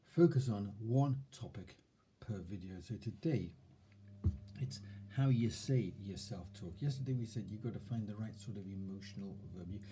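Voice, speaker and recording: A man giving casual self-help advice, moving between soft murmurs and lively emphasis. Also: on the low side, moderate pace, a little hiss or hum, rough recording. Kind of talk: casual instructional talk.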